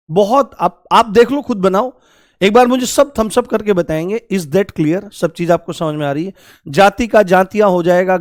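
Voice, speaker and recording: Teaching Hindi grammar live online, a man with a rather high voice repeats key words and repeatedly asks his class to call out examples. The recording is dry and close-miked, free of room reverberation.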